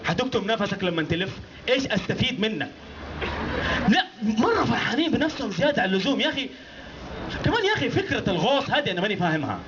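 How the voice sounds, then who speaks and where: Hijazi saudi guy doing standup, fast escalating exasperated rant, super animated pitch, noisy live mic. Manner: escalating exasperated rant, incredulous repeated questions; animated act-outs of characters. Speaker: stand-up comedian. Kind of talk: stand-up comedy routine. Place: live stand-up show before an audience. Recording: noisy, muffled live stage recording.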